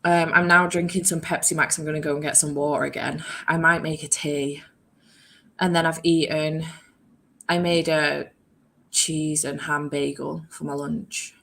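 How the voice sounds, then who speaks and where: A British woman with a low voice chats casually over faint background noise. She sounds poorly and run-down with a cold, and talks in a sweary, self-deprecating way. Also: level tone, a little slow, gravelly, fairly bright tone. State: feeling ill and run-down, with a cold. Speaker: guest on a readathon livestream. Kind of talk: casual chat.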